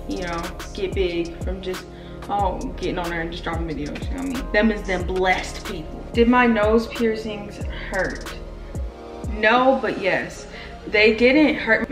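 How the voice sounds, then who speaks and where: A woman in her twenties with a medium-pitched voice answers fan questions in a casual vlog, chatty, blunt and playful, using slang and swearing. She's in an indoor room near stairs, filmed from below on a distant camera mic that makes the sound reverberant.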